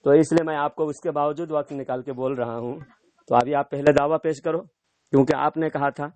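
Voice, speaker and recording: A man's voice: fairly high pitch, steady tone, darkish tone, no room sound. Insistent man pressing his point. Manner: insistent, repeats himself, pressing. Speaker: debating cleric. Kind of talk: heated phone debate. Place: in front of an audience.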